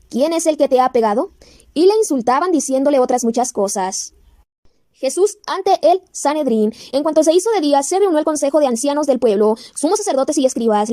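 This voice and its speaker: A woman narrating a Bible audiobook in a measured, solemn way, slowing down for each section heading. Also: high voice, warm tone, no echo, clean studio sound. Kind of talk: scripted audiobook scripture reading.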